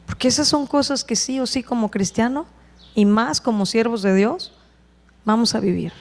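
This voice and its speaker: A woman preaching a sermon, animated, putting rhetorical questions to the congregation. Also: a little high, normal speed. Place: church hall. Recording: long hall reverb.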